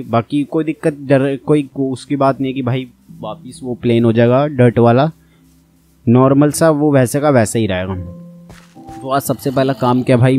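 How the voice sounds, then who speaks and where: Brief: young man, casual game commentary, mid pitch, faint music behind. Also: dark tone. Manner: chatty, addresses viewers as brother. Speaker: gaming channel host.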